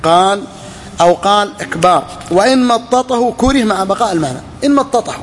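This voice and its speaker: A man's voice: sits high, expressive, brisk, slight background noise. A man teaching a legal text, with a touch, who repeats key phrases, asks and answers his own questions, and drawls out words to demonstrate. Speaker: sheikh teaching a fiqh text. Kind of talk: explaining a classical text to students.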